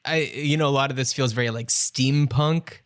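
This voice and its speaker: A man co-hosts a podcast in a relaxed, agreeable tone. He leans on "like" and "you know" as he works through his thoughts. His voice sits at an everyday middle pitch. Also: moderate pace, smooth. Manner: easygoing, agreeable, filler-heavy. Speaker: podcast co-host. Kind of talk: casual chat.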